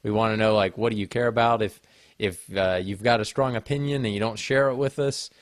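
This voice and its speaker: A man's voice: fairly low pitch, fairly even intonation, brisk, no echo, clean studio sound. A man co-hosting a tech podcast, giving his contact details in easygoing, hesitant casual chat. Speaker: podcast co-host.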